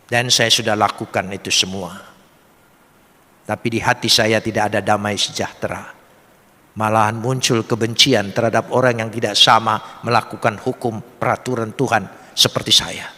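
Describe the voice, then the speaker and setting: A man preaching a sermon, swelling to emphatic peaks and dropping to quiet, earnest stretches. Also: lowish voice, fairly even intonation, normal speed. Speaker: pastor. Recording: long hall reverb.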